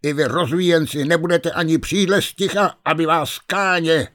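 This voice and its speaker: A gruff, hot-tempered village mayor scolds and blusters, his voice pushed up high and loud, as a storybook narrator puts him on. He is a stern middle-aged father who loses patience fast. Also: fairly even intonation, close to an everyday voice. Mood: scolding.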